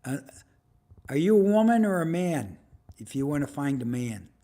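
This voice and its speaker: A man in his seventies hosting a casual livestream, chatting with viewers and firing off quick questions. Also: a little high, sing-song, warm tone. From United States. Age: 70s. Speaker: livestream host.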